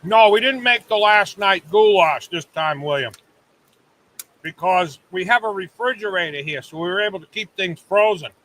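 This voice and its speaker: A man with a high, bright voice hosts a relaxed live chat from a cabin. He talks loosely to his viewers and reads their comments aloud as they come in. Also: normal speed, far from the mic, poor audio. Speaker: livestream host.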